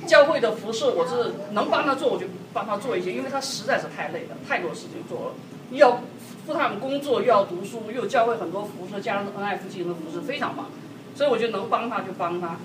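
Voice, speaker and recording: A middle-aged woman giving a sermon-like talk on marriage to a church group, telling personal stories in a lively way with frequent laughter. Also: medium pitch, fast talker. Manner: lively, laughing often, acts out quotes. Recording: echoey hall, distant mic, background noise.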